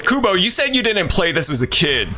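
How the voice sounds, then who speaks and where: A man's voice: sits high, sing-song, a little fast. A man giving casual, playful live gameplay commentary and chatting to his viewers. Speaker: game streamer. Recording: game gunfire noise behind voice. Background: video game sounds and gunfire.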